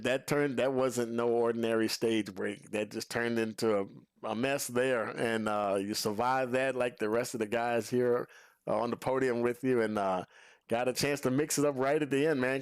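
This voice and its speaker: A man's voice: mid-range voice, fairly even intonation, smooth, dry recording, clean studio sound. A man hosting a sim racing broadcast, talking in a folksy way full of fillers as he reads out results. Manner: folksy, many "uh" fillers, drawn-out phrasing. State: out of breath. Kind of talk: post-race interviews and results.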